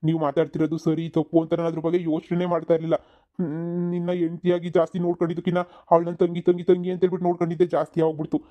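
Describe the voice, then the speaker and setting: A man voicing an enraged middle-aged village father in a cartoon comedy, shouting threats and later pleading for forgiveness. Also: on the high side, completely flat delivery, very fast, natural voice. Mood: remorseful.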